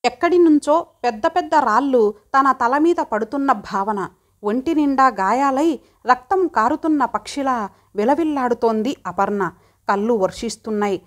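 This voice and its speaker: A woman narrating an audiobook story in an expressive, dramatic way. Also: a little high, normal speed.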